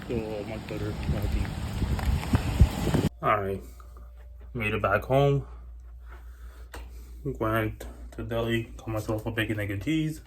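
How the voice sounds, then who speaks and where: A man vlogging casually, a bit sick and husky, rambling as he walks out and back home with a handheld camera. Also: fairly low pitch, slight background noise. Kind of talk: casual vlog chat. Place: walking outdoors and at home.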